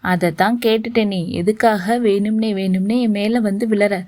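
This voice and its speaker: A woman's voice: medium pitch, fairly even intonation, normal speed, a little mellow, no echo, close to an everyday voice. A woman voicing a teasing, bossy young man who gives orders, read as part of a story. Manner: teasing, commanding.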